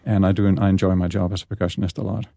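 A man, a guest chatting in a relaxed way in an interview. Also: low voice, very fast, creaky, no echo. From Denmark. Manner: relaxed, chatty, repeats words as he goes. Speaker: guest, orchestral percussionist. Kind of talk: casual radio interview chat.

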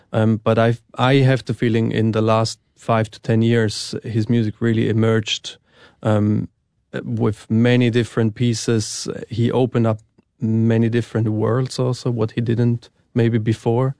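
A man's voice: medium pitch, a little mellow, no room sound, clean studio sound. A man from Switzerland, a percussionist answering interview questions in a hesitant way.

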